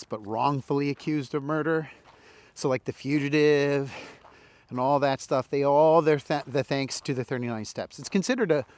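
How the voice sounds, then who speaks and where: A man's voice: on the high side, no room sound. Chatty man walking and talking. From Indianapolis, Indiana, US. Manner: casual, rambling, chatty. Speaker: vlogger. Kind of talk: walk-and-talk vlog. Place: outdoors in a large park, walking.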